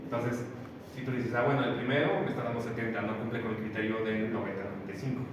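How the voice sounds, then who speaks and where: A man's voice: medium pitch, fairly even intonation, fast, distant mic. Male teacher in an echoey room. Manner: explanatory, talks through examples step by step. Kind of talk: classroom lecture explaining an assignment. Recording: echoey room, voice from afar, background noise.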